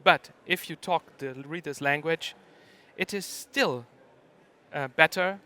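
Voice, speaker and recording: A man's voice: a little high, slow, bright, forceful tone. A middle-aged man from Germany, giving a conference talk and hesitating often with ums and uhs. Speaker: conference speaker.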